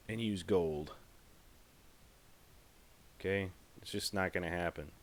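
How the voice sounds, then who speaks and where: A man hosting a podcast, talking casually in a rambling, emphatic way with lots of fillers. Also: sits low. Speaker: podcast host. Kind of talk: casual monologue.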